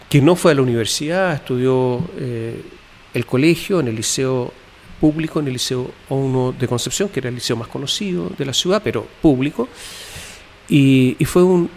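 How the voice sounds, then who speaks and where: A man being interviewed, recounting his family's history in a measured, reflective way with frequent pauses and fillers. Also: medium pitch, a little hiss or hum. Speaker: guest.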